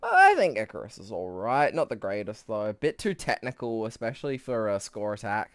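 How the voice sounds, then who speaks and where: A man's voice: on the low side, wildly swooping pitch, a little fast, a bit bright, no echo. A young man giving casual live commentary on his gameplay, rambling and swearing, a bit out of breath. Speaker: streamer.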